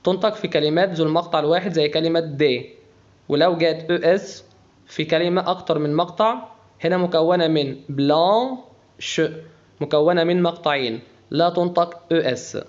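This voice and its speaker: A man's voice: on the high side, highs cut off. A man with an Egyptian Arabic accent teaching a beginner French lesson, breaking words down sound by sound. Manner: slow, spells out pronunciation letter by letter.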